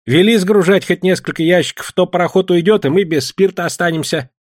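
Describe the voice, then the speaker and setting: A man voicing a fretful male settler who urges and worries in a husky voice. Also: sits high, fairly quick, no echo, clean studio sound, voice pushed up, natural voice. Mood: urging. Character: thirsty male settler fretting over vodka.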